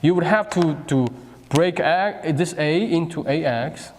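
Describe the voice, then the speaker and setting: Male physics lecturer with a slightly raised pitch, talking through problems with restarts and check-ins, recorded in an echoing lecture hall. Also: unhurried, a little hiss or hum. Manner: explains step by step, checks in with "right?"; frequent restarts and fillers. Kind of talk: classroom lecture.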